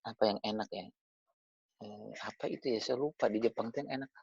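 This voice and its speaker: A man's voice: lowish voice, brisk, vocal fry, a little mellow, husky, dry recording. A man giving a religious parenting talk over a video call, chatty, turning to his listeners with tag questions as he goes. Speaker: parenting speaker. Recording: dull lo-fi video call audio.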